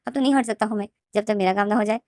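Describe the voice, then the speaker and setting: A dominant young man who speaks softly and will not back down, as a woman voices him in a fan-story reading. The delivery is hushed and fast, and the recording is dry and close. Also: medium pitch, steady tone, no echo, natural voice. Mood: insistent.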